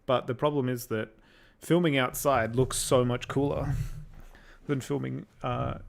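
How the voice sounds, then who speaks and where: A young Australian man chatting casually on a livestream while he works on effects, rambling and thinking out loud as he answers chat. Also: mid-range voice, fairly even intonation, measured pace, gravelly. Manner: rambling, thinks aloud, reads out chat questions. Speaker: livestreamer making visual effects.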